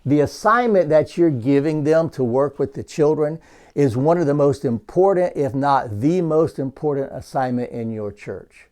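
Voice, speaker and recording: A man's voice: on the high side, normal speed, darkish tone. A man, an associate pastor, teaching church leaders about volunteers in a conversational way, repeating points for emphasis.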